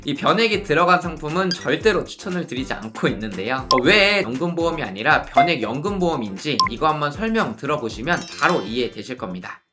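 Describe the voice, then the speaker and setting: A man's voice: fairly high pitch, very animated, fairly quick, few pauses. A man in his thirties, an insurance planner, giving a persuasive explainer talk full of rhetorical questions. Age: 30s. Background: background music.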